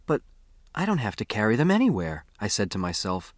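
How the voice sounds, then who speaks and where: Pitch swooping wildly from a fairly low base, an American man narrates an audiobook at a fairly quick clip. He voices a first-person story with expression, conversational like a boy describing his own adventure, in clean studio sound without any room sound.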